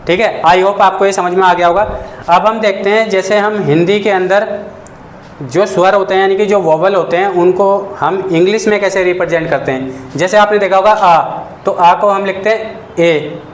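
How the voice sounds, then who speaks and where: A man's voice: sits high, steady tone, moderate pace. A man teaching a basic English lesson to students. He talks patiently, repeats his points and asks the class questions. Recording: echoey room with faint noise.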